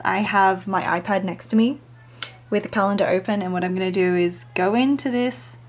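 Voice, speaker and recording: A woman talks casually to camera as she works through tasks in her small studio. She keeps her voice low, often slipping into a half-whisper, with a gravelly, fry-laden edge from early-morning grogginess. Her pitch sits in an ordinary middle range. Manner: talking quietly, half-whispering. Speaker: vlogger. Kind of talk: casual chat while working.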